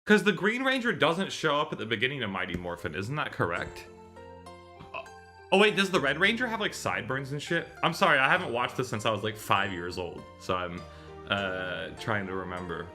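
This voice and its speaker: Faint music plays behind a man in his thirties who hosts a visual novel readalong stream. His medium-pitched voice is sing-song and sharp, moving a little fast as he chats casually, digresses and keeps correcting himself.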